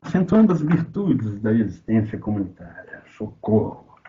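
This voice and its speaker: A man from Brazil with a Minas Gerais accent, lecturing on philosophy in a sarcastic, profane way, with loud outbursts and quiet asides. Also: a little high, very animated, unhurried, narrow, tinny audio. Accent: Minas Gerais Portuguese. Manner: sarcastic, swearing, swings from loud outbursts to mutters. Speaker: philosophy teacher. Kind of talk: lecture commentary on a text.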